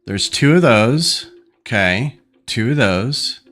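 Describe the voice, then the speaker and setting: This man's mid-range voice is expressive, slow and a bit bright, and his nose sounds stuffed up. As a LEGO designer livestreaming from his home desk on a desk microphone, he chats casually and thinks aloud with lots of ums while faint music plays behind.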